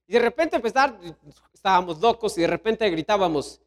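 A middle-aged man with a Mexican accent, preaching a sermon as pastor, telling lively stories and tossing rhetorical questions at the congregation. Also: fairly quick. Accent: Mexican Spanish. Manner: animated storytelling preacher, sweeping pitch swings, rhetorical questions.

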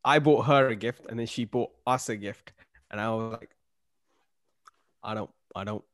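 A man's voice: mid-range voice, normal speed, no echo, studio quality. A man, co-hosting a podcast and telling anecdotes animatedly. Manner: animated storytelling. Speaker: podcast co-host. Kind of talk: casual chat.

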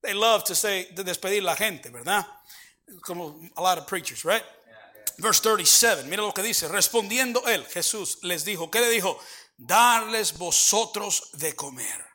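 A male pastor with a strikingly high, sharp and bright voice preaches in a church sanctuary. He moves between Spanish and English as he reads scripture, drops joking asides and fires questions at the congregation. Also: normal speed. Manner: quizzes the congregation with call-and-response questions. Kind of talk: bilingual sermon.

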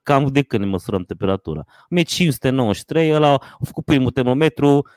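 A man speaks in a casual chat at an ordinary, mid-height pitch. He talks hesitantly, restarts his sentences and fills the gaps with "uh". The recording is dry and close, with no room echo. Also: lively intonation, darkish tone. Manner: hesitant, many fillers and restarts.

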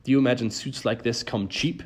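A man voicing a greedy, grumbling male ferryman of the dead in an audiobook reading, gruff and self-pitying. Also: medium pitch, fairly even intonation, a little fast, lightly acted.

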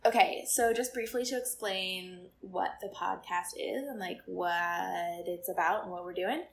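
A woman's voice: lowish voice, unhurried, gravelly. A young woman co-hosting a casual podcast, chatty and giggly, with many "like" fillers. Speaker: podcast co-host.

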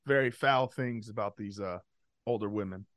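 A man on a podcast telling a story in casual chat, profane and animated, often laughing. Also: fairly low pitch, moderate pace, dry recording, clean studio sound. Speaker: podcast co-host.

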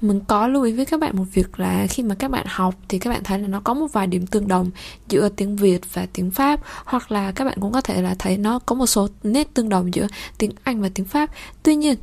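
Woman, Vietnamese accent, French teacher, podcast lesson, mid-pitched voice, patient explaining, frequent fillers. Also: fairly quick, creaky, a little mellow.

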